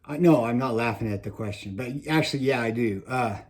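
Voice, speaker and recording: In a casual how-to vlog on trapping, the presenter speaks haltingly, stopping occasionally to swallow. His relaxed, mellow voice is of typical male pitch, a bit slurred as though through a mouthguard, with slightly whistling S sounds.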